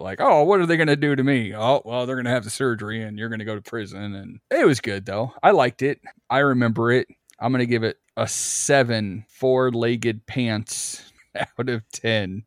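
A man's voice: medium pitch, normal speed, no echo, clean studio sound. A man co-hosting a podcast, laid-back and swearing freely in a casual chat. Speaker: podcast co-host.

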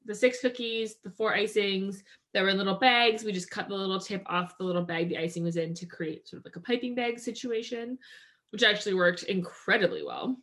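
A woman's voice: medium pitch, pushed and bright. A woman from Canada co-hosting a podcast, talking in an upbeat, chatty way with lots of "like". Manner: chatty, upbeat, heavy use of "like". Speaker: podcast co-host. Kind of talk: casual chat.

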